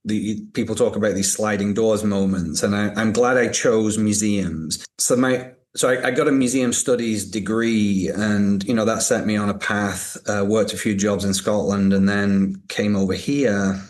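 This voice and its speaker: Low-voiced Northern English man, transatlantic lilt. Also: fairly even intonation, normal speed, hardly any pauses. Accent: Northern English softened by American, transatlantic. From Northern England. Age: 50s. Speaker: podcast guest, museum director. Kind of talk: conversational interview, personal storytelling.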